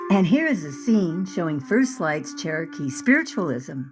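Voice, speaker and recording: A woman author reading excerpts from her own novel in a vivid, expressive storytelling manner. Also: low-pitched, normal speed, over music. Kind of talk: dramatic audiobook-style reading.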